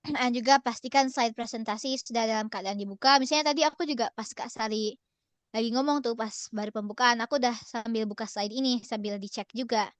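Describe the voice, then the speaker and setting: A woman's voice: fairly high pitch, steady tone, a little fast, no echo. Cheerful young woman teaching over video call. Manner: casual, cheerful, mixes in English phrases, laughs often. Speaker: workshop presenter. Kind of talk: online workshop talk. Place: relative's home.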